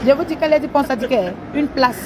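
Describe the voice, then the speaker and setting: A woman, relaying celebrity news in animated, insistent gossip commentary, recorded outdoors. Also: high voice, fast talker. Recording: loud crowd and street noise outdoors.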